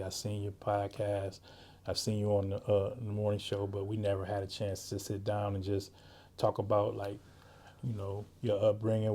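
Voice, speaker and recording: A man hosting a podcast interview, talking in a relaxed, easygoing way and often saying "man" and "you know". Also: on the low side. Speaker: podcast host; works with juvenile youth. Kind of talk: casual interview chat.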